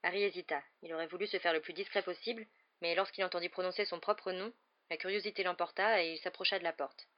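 A woman's voice: on the low side, steady tone, fast talker. Woman reading a novel aloud. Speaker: narrator. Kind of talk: audiobook narration. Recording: slightly dull lo-fi recording.

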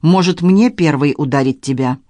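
A man reading the part of a ruthless, calculating woman in an audiobook, in a low, controlled, menacing tone. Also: moderate pace, warm tone, no echo, natural voice. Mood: cold, commanding.

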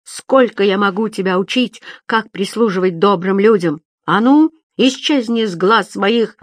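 A woman voicing a grovelling yet brutal male baker who hawks his bread loudly and sweetly. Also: mid-range voice, lively intonation, unhurried, no echo, studio quality. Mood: raging. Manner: loud, sugary hawker's patter. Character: fawning, bullying adult male baker.

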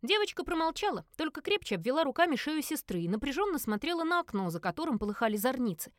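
A woman narrating a first-person audiobook in a lively acted reading, briefly giving each character a voice. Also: high voice, quick pace, no echo, studio quality.

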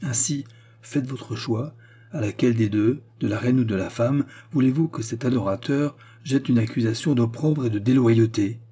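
A man's voice: medium pitch, moderate pace, dark tone, slightly rough, natural voice. A man reading an audiobook, voicing a jealous young nobleman who speaks with intense, barely restrained accusation. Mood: brooding.

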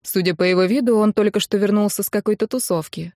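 A woman narrating a first-person novel in an even storytelling delivery as an audiobook narrator. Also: medium pitch, fast, no room sound, studio quality.

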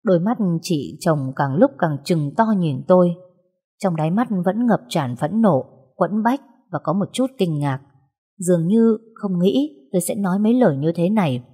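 A woman narrating a first-person story in a steady, reflective way. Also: on the low side, husky.

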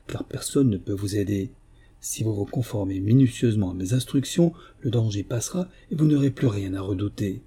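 Brief: male reader as an earnest old-world priest, grave and kind, warm low tone in a read-aloud tale. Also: husky. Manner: urgent warnings, then gentle compassion.

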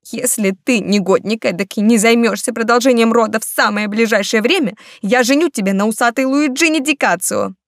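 A woman voicing a sharp-tongued older noblewoman who scolds and speaks haughtily in an audiobook. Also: fairly high pitch, brisk, dry recording, clean studio sound, voice pushed up, lightly acted. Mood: scolding.

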